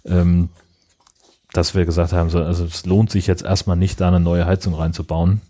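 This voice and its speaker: A man with a low, warm voice talks through technical details on a podcast. His delivery is plain and matter-of-fact. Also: level tone, moderate pace. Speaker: podcast co-host. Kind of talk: casual chat.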